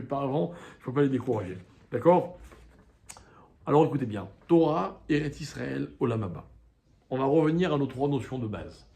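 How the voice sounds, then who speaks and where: Animated rabbi teaching a Torah class. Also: male voice, mid-range voice, creaky. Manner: animated teaching, with rhetorical questions and calls to the class; quotes Hebrew and Aramaic texts, then translates them. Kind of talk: lecture to a live class.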